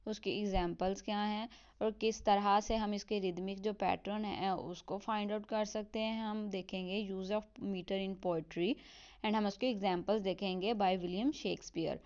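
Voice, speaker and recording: A woman explaining a literature lesson step by step, asking herself questions and reading English definitions slowly. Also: mid-range voice, steady tone, a little mellow, clear, resonant tone, lo-fi sound. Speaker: online English literature teacher. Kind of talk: explanatory lesson, Hindi mixed with English terms.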